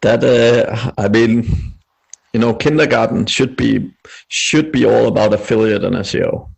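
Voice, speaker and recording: A male podcast host with a gravelly, somewhat husky voice. He asks loose, rambling interview questions and drops in dry jokes. His pitch sits in an ordinary middle range. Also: steady tone, measured pace, a little mellow, poor audio. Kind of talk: casual interview.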